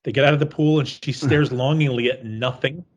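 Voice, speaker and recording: A man's voice: medium pitch, fairly even intonation, brisk, dull audio. A man co-hosting a horror film podcast, chatting casually in a rambling, jokey and profane way. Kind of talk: casual chat.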